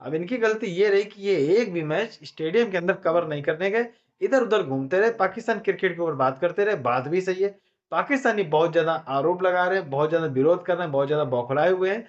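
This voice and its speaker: A man's voice: high voice, fast talker, lo-fi sound. A man hosting his own channel, greeting viewers and narrating cricket news in an earnest, direct way. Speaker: channel host.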